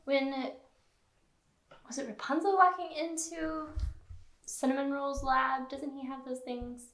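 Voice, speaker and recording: A woman's voice: high voice, fairly even intonation, a little slow, a bit bright. A woman co-hosting a casual chat, playful, with joking asides. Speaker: podcast co-host. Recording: echoey room.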